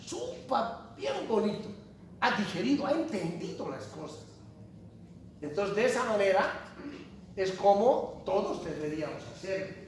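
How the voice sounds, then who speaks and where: A man giving an animated university lecture, joking and asking the class questions. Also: high voice, measured pace. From Bolivia. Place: large echoey classroom. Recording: echoey classroom from far off, noisy.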